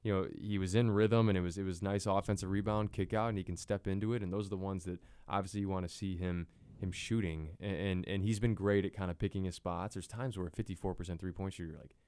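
A male analyst chats casually about a game, doubling back on words as he talks. His voice is low and clear, recorded dry and close. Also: fairly even intonation, quick pace, few pauses, a little mellow, no room sound. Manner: conversational, repeats words as he goes. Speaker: sports analyst. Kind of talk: casual postgame discussion.

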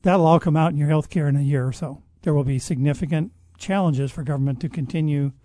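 A man speaking as a guest expert in a conversational interview, explaining at length in a measured way and often restarting his sentences. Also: on the high side, mellow, no room sound. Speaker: guest expert on public health.

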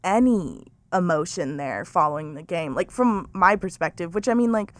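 A woman's voice: on the low side, animated, moderate pace, dry recording. A young woman hosting a casual sports podcast, chatty and full of "like". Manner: chatty, many fillers like "like". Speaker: podcast host.

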